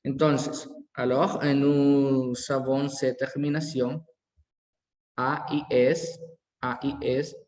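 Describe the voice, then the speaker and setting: Slow, careful man teaching in an echoey hall. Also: medium pitch, little pitch movement, a little mellow. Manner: slow, careful, repeats word forms aloud. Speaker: French teacher. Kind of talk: bilingual classroom lesson.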